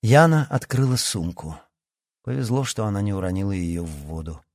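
A man narrating a story in an even, measured reading voice. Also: fairly low pitch, dry recording, studio quality. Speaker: audiobook narrator.

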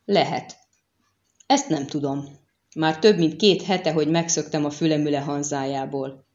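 A woman's voice: low-pitched, a little mellow, dull audio, natural voice. A woman voicing a foul-mouthed bandit girl. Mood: flat. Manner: brash, swearing, accusing. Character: coarse defiant young female bandit, foul-mouthed. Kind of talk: audiobook character reading.

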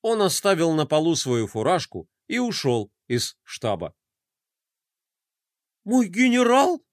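Lively male storyteller, dry studio sound. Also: a little high, moderate pace, dry recording. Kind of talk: children's audiobook narration.

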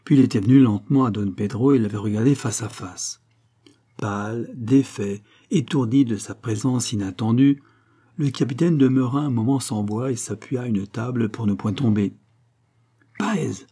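A man reading a classic adventure novel aloud in a measured, dramatic narration. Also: medium pitch, dark tone, slightly rough. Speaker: audiobook reader.

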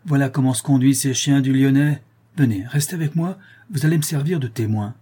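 A man voicing an angry, commanding deputy mayor under forty who speaks forcefully and indignantly. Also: mid-range voice, a little fast, slightly rough, voice pushed up, natural voice. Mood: furious.

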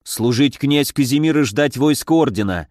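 A man doing a proud, blunt German mercenary captain from an audiobook, speaking broken Russian with a German accent. The words come flat and stubborn, in a dry close recording with no room sound. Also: medium pitch, moderate pace, dry recording, lightly acted. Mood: plain.

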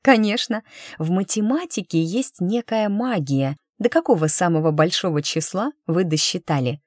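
A woman's voice: lowish voice, expressive, normal speed, no echo, clean studio sound. A woman reading an audiobook voices a bubbly, naive young noblewoman who talks in breathless, girlish exclamations. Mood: gushing.

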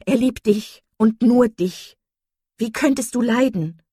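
A woman's voice: on the high side, takes it slowly, mellow, slightly rough, pitched above the performer's own voice. A woman reading an audiobook and voicing a distraught young woman, pleading and desperate. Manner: desperate, pleading, sobbing outbursts.

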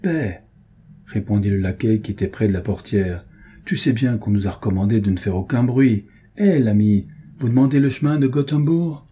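A man voicing a brisk, cautious lackey. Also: on the low side, mellow, husky. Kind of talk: audiobook reading.

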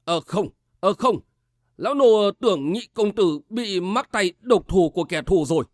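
A man voicing a timid old male servant who guards a gate, speaking slowly and hesitantly with a quavering voice. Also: sits high, expressive, no echo, studio quality. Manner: slow, quavering, hesitant with fillers.

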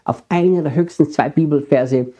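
A man's voice: on the high side, normal speed, dark tone. A middle-aged man with an Austrian accent preaching a sermon, earnestly addressing his congregation. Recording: dull lo-fi sermon recording.

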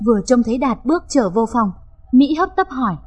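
A woman narrating a dramatic audio story in an expressive, measured reading. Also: fairly high pitch, slight background noise.

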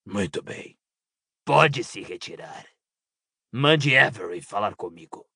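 A man voicing a cold, cruel dark lord in an audiobook, speaking slowly with quiet, icy menace. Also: fairly low pitch, expressive, no room sound, studio quality, voice pushed down, full character voice. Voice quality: cold, creaky and husky. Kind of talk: audiobook character voice.

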